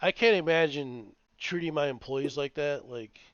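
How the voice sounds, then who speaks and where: A man's voice: a little high, moderate pace, crowd noise. A man in his late thirties, chatting casually as a podcast co-host, swearing and ranting in a rambling way. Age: 30s. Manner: profane, rambling, animated ranting. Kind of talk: casual chat. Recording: dull lo-fi dry sound.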